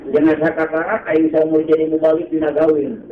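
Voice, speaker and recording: A man with a Sundanese accent preaching a humorous sermon, jokey and swinging from low asides to high exclaimed phrases. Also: completely flat delivery, brisk. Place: outdoor gathering by a slope. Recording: roomy, distant, dull PA sound with crowd.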